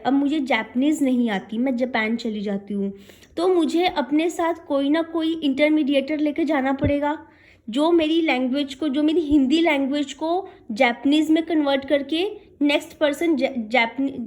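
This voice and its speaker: This high-pitched, slightly mellow female voice belongs to a programming teacher giving an explanatory lecture. She asks herself questions and answers them, checks in with listeners frequently, and mixes in English tech vocabulary.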